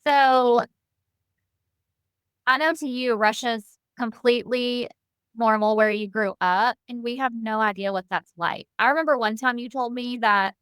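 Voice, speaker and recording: Female host, video call; friendly interviewer, slightly high, dry sound. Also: a bit bright, clear, resonant tone, no room sound. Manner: friendly, asks questions.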